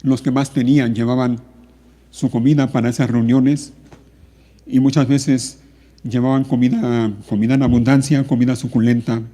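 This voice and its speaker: A man preaching a sermon to his congregation, earnest and pleading, moving between hushed and raised passages. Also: mid-range voice, little pitch movement, normal speed. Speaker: pastor.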